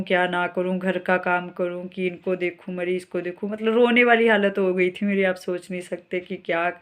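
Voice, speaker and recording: A woman vlogger in her thirties from Himachal Pradesh talks through a hard week at home. Her voice stays level and flat, with little rise and fall. She rambles and circles back, tired and worried. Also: fairly low pitch. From Himachal Pradesh, India. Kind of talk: casual vlog talk.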